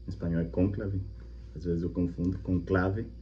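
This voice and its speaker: A Colombian man who hosts a channel and teaches language speaks in a low, dark voice with little pitch movement and a moderate pace. His casual explanatory reaction video is chatty and friendly, with repeated examples and many "né?" check-ins, and the sound is slightly muffled with a faint hum.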